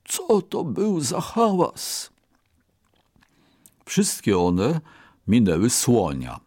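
Man reading a kids' story, slow and very expressive, dry close mic. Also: mid-range voice, husky, no echo.

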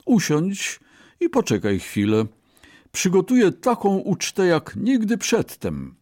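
A man voicing an eager, generous young male hare in a storybook, speaking in a raised, bright voice. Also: high voice, huge pitch swings, takes it slowly, pitched above the performer's own voice, heavily acted.

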